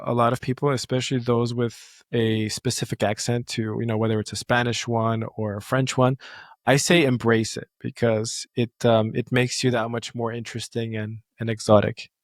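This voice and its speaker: Bulgarian-born male guest, mid-pitch, flat even delivery, dry recording. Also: dry recording. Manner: steady, even-toned, reassuring advice. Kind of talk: casual interview talk.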